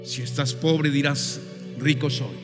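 A male preacher delivering a fervent sermon, pushing into shouted call-and-response and then dropping to low, earnest appeals. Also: steady tone, a little slow. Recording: long hall reverb with faint music.

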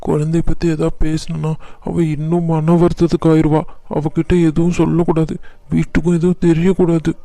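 A firm, protective young husband, voiced by a man in a cartoon. He speaks earnestly in a mellow, fairly high voice. The sound is dry and close. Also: completely flat delivery, brisk, gravelly, no echo. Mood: worried.

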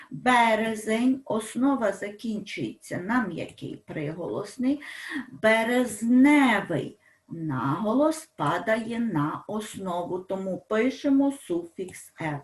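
A woman teacher talks through a grammar lesson at an unhurried pace. Her pitch moves a lot as she leans on each example word and puts questions to the class. The room around her sounds echoey. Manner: explains slowly, stresses words, asks pupils questions. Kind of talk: school language lesson.

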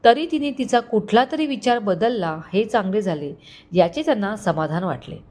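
A woman storyteller reading a dramatic family story in an expressive narration. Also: medium pitch, normal speed.

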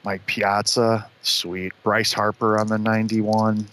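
A man's voice: fairly low pitch, flat delivery, a bit bright, a little hiss or hum. A man hosting a live stream, casually chatting and naming each card as he opens packs. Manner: upbeat, names each card quickly with short reactions. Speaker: show host opening card packs. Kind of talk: casual chat, calling out cards.

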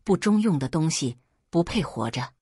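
A ruthless old male chancellor, as a woman reads him out sneers with icy contempt in an audio storybook. The voice sits low and husky, and the read is dry and close. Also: animated, unhurried, darkish tone, no room sound. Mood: scornful. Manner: mocking, cold, sneering.

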